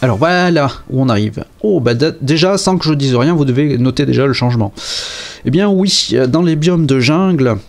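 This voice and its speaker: A man's voice: mid-range voice, lively intonation, normal speed, creaky. A man casually commenting on a game as he plays, chatty and hesitant, with many fillers and joking asides. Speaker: game video presenter.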